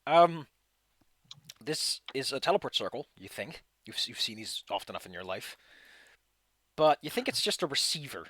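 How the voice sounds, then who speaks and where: Lively male game master, very dry sound. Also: mid-range voice, moderate pace, pauses often, no room sound. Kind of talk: tabletop game narration and banter.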